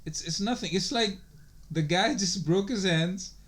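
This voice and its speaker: A man's voice: high-pitched, a little slow, a bit bright. A man co-hosting a podcast, chatting casually and rambling with lots of swearing and filler words. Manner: rambling, profane, full of "like" and "you know". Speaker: podcast co-host. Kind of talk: casual chat.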